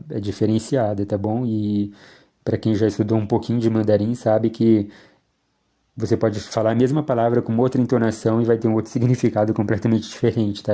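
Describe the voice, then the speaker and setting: Dark-voiced man lecturing. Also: lowish voice. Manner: frequent "né?" and "tá?" tag questions, many restarts. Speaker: psychologist lecturer. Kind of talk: explanatory lecture.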